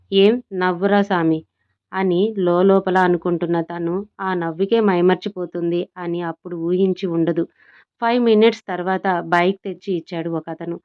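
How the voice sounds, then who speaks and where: A woman narrating a romance audiobook in a calm, measured storytelling manner. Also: lowish voice, dull audio.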